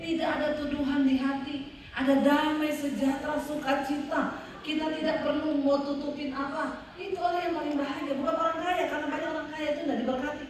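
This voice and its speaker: A woman pastor preaching an animated sermon, telling stories and calling out to the congregation. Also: sits high, a little fast, a little hiss or hum. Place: large revival hall. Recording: echoey hall, mic at a distance.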